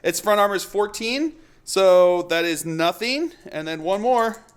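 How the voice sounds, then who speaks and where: A man hosting a tabletop wargame battle report, giving casual play-by-play of dice rolls. He gets excitable, laughing often and bursting into whoops. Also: high-pitched, unhurried, clean tone. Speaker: host and player.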